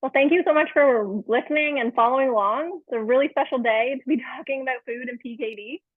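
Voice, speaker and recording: A woman's voice: high voice, quick pace, no room sound. Woman dietitian on a tinny webinar line. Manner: friendly explanatory, many fillers. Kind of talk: live webinar cooking demo. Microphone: remote webinar call. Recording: tinny phone-like webinar audio.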